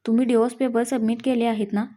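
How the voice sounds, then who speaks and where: A woman's voice: a little high, flat delivery, rapid-fire, warm tone, close to an everyday voice. A woman voicing a tearful young wife who pleads with her husband, in a read-aloud story. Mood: pleading.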